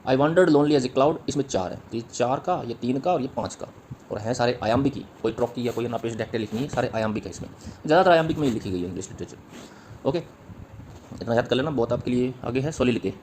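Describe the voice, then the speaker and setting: Fast-talking male literature teacher. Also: medium pitch, a little mellow, a little hiss or hum. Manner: explanatory, repeats key points, taps out rhythms aloud. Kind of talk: exam-prep lecture mixing Hindi and English.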